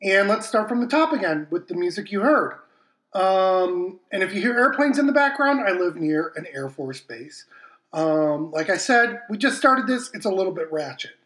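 A man hosting a music podcast chats casually while introducing songs, rambling, using many fillers and apologizing for the echoey, reverberating sound from his broken home podcast mic. His voice sits high, a bit bright and very animated, at a moderate pace.

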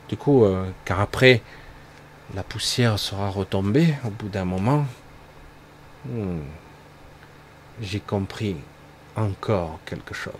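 A man's voice: on the low side, a little hiss or hum. A man giving a loose spoken monologue on spiritual growth, rambling with lots of fillers and tag words. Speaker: spiritual speaker.

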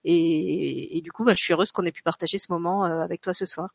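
A woman's voice: fairly low pitch, steady tone, a little fast, creaky, breathy edge, no echo. A woman with an eastern French accent, hosting a live online show in a frank, chatty way and laughing often. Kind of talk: casual live chat.

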